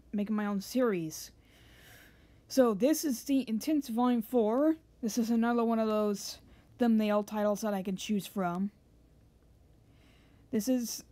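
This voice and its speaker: A woman talking casually about her video thumbnails as she shows them, rambling and excited, often restarting her sentences. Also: on the high side. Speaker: channel owner showing thumbnails. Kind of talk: casual screen-share narration.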